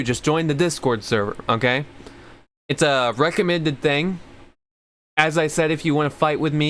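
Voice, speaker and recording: A man's voice: fairly high pitch, fairly bright tone, slight background noise. Sleepy, crude-talking male streamer. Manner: crude, rambling, sarcastic. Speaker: livestream host. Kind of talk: casual profane commentary.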